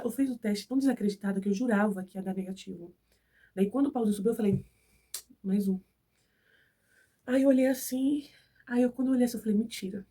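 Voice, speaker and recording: Her voice is fairly high and dark with a breathy edge, recorded from a distance, as this young Brazilian vlogger with a cold talks to her viewers. In a Brazilian Portuguese accent she chattily shares a personal story, dramatizing what each person said.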